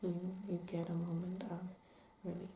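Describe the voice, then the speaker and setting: A woman playing a calm, gentle therapist in an ASMR role-play, asking careful, hesitant questions in soft-spoken ASMR style. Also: on the low side, normal speed, natural voice. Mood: calm, attentive. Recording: roomy echo, faint background noise.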